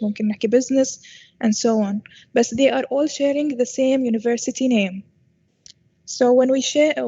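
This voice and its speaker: Female teacher addressing a class, Arabic accent, slightly high pitch, muffled recording, frequent comprehension checks. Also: creaky, mellow. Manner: switches between English and Arabic, checks understanding often. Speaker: university programming lecturer.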